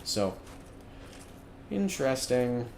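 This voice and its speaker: A man's voice: medium pitch, very animated, slow pace, creaky, a little mellow. A man streaming a game, giving live let's-play commentary in an exasperated rant, with frequent restarts. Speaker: gaming streamer. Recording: echoey room with background noise.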